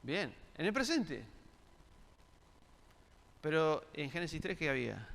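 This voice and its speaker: A man's voice: fairly high pitch, very animated, takes it slowly, gravelly, fairly bright tone. A man preaching a sermon in a church, asking the congregation questions and repeating words as he searches for them. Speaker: pastor. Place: church hall. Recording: church hall reverb.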